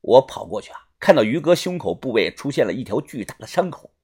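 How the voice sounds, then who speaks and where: Husky, very animated audiobook narrator. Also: mid-range voice. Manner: dramatic, with drawn-out particles. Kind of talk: audiobook storytelling.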